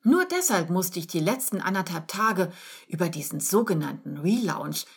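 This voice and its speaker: A woman reading aloud gives voice to a dramatic young office worker in a storybook tale. She complains in a raised, whiny, indignant rush, her tone husky and breathy. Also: lowish voice, big pitch swings, normal speed, exaggerated voice. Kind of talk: audiobook character reading.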